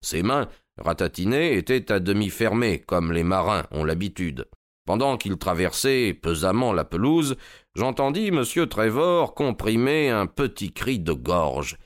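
A man narrating a classic detective story in a measured, deliberate storytelling manner, close on a studio mic. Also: fairly low pitch, big pitch swings, no echo. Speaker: audiobook narrator. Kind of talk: scripted literary narration.

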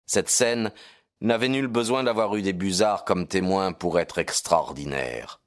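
Male narrator reading a novel, really low voice, calm and measured. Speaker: audiobook narrator. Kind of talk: scripted narration of a classic novel.

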